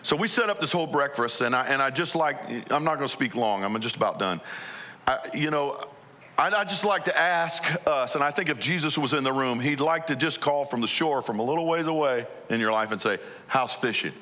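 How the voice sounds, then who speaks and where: A man's voice: medium pitch, animated, fairly quick, pushed and bright. A man preaching a conversational sermon as a pastor, asking his listeners many questions.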